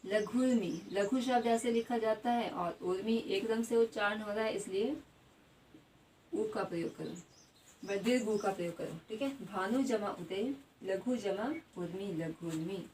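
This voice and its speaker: A woman's voice: medium pitch, darkish tone. Woman teacher explaining step by step. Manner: asks the class questions and answers them herself, repeats words slowly; adds a tag question after most points. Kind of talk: classroom grammar lesson. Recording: slightly distant mic with faint background noise.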